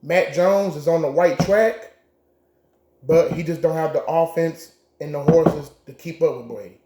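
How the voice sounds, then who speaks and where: A man's voice: a little high, a little slow, very noisy. A man co-hosting a casual sports chat, giving blunt picks with profane trash talk. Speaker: co-host making game picks. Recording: echoey room.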